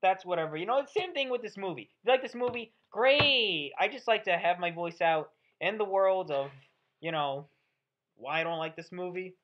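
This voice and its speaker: A woman's voice: lowish voice, animated, moderate pace, a little hiss or hum. A woman ranting through a sarcastic, profane, rambling movie review. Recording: dull lo-fi audio.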